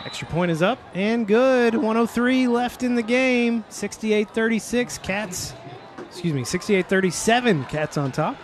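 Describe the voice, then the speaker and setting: Jokey high-voiced football announcer man. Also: unhurried, a little hiss or hum. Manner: jokey, chatty, laughs often. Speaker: play-by-play announcer. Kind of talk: local high school football commentary.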